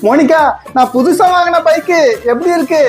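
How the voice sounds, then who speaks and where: A cheerful, boastful husband and father with a voice pitched oddly high for a man, as a woman acts him out. He talks breezily over faint background music in a comedy skit. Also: moderate pace, darkish tone. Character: cheerful husband, father bringing home a monkey.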